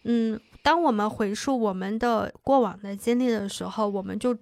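A woman's voice: medium pitch, moderate pace, vocal fry, darkish tone, dry recording. A woman in her thirties co-hosting a casual chat, telling stories and acting out quoted lines. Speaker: podcast co-host.

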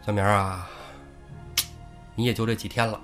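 A man's voice: fairly low pitch, level tone, moderate pace, fairly bright tone, soft background music, close to an everyday voice. A man voicing a jovial male judge of the underworld, talking in a matter-of-fact, cheerful, persuading way. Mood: solemn.

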